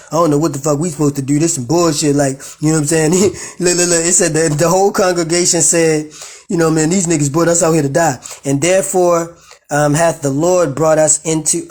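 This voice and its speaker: A man reading scripture and retelling it in profane, animated slang. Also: fairly high pitch. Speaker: bible study teacher. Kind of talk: casual bible reading with commentary.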